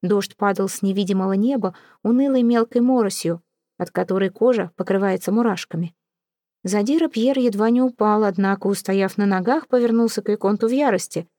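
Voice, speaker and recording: A woman reads an audiobook in a steady, even storytelling voice at a middling pitch. The recording is dry and close, with no room sound. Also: brisk, dry recording. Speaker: audiobook narrator. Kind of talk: scripted audiobook narration.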